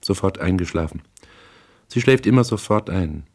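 A man reading a book aloud, voicing a cool, sharp-tongued wealthy young woman with a cold, clipped manner. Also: deep voice, expressive, moderate pace, slightly rough. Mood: irritated.

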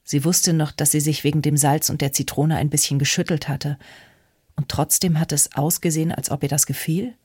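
Audiobook narrator, steady scripted reading, mid pitch, dry studio. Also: fairly quick, slightly rough, no echo.

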